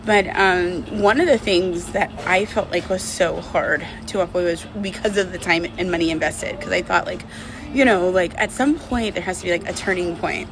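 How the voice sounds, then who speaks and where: A woman with a fairly low voice talks at normal speed against a noisy background. As a vlogger, she casually and candidly rambles to camera about her breakup, often saying "like" and "you know."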